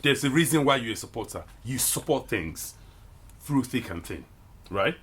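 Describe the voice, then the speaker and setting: A man's voice: mid-range voice, sing-song, normal speed, a bit bright, husky. A man in a casual football discussion, talking emphatically and repeating himself to press his points. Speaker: football pundit. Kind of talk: casual sports chat.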